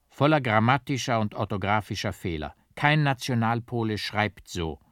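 A man's voice: a little high, a bit bright, clear, resonant tone, dry recording, pitched above the performer's own voice. A man voicing a stern male judge who speaks in a severe, clipped tone, recorded dry and close.

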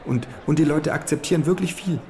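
A man voicing a small, fat, fawning male food executive who talks in a high falsetto and stammers, repeating his words. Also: fairly quick, creaky, darkish tone. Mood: eager, flustered.

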